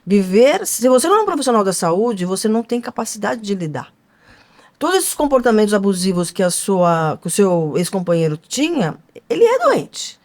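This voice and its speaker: A woman's voice: medium pitch, animated, fairly quick, a little mellow. A woman co-hosting a podcast, talking earnestly and emphatically, posing rhetorical questions. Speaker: podcast co-host. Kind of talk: conversational podcast talk.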